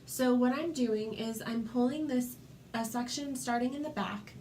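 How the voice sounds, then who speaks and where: At home and congested with a cold, a woman from Florida demonstrates a hair tutorial while chatting, saying "um" frequently. She speaks at normal speed in a slightly mellow voice on the high side, with slight background noise.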